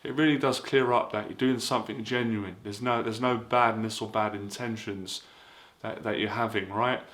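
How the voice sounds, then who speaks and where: Man, lowish voice, earnest advice monologue, lots of fillers. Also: fairly even intonation, moderate pace, fairly bright tone. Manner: earnest, repetitive, full of fillers. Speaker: dating coach.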